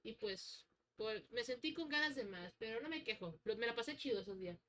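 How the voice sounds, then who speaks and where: A woman with a Mexican accent chatting casually as a streamer, excitable, slangy and rambling as she comments on a game. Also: fairly high pitch, fairly quick, a little hiss or hum.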